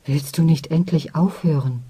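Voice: mid-range voice, normal speed, husky, no room sound. Ein Vorleser spricht eine sanfte, mütterliche alte Frau. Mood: sanft. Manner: soft, pleading. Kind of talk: audiobook character voice.

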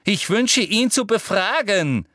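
A man's voice: medium pitch, sing-song, slow pace, fairly bright tone, no room sound, studio quality. A man voicing a tyrannical older woman headmistress with a girlishly sweet voice that turns to shrieking. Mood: shrill anger.

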